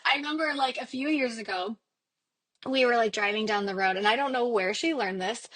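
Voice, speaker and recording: A woman co-hosting a podcast in a casual chat, chatty and giggly, sometimes dropping to a hushed aside. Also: fairly high pitch, fairly quick. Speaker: podcast co-host.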